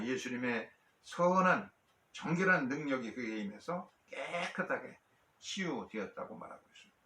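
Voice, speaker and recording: A male pastor preaching a sermon and telling a story, with frequent pauses and fillers. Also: medium pitch, fairly bright tone, roomy sound, far from the mic.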